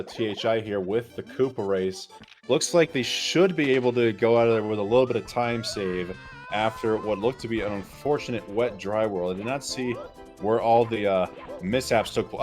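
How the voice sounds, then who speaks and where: Male caster, low-ish voice, steady and measured, hesitant between plays. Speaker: speedrun commentator. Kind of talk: live game commentary.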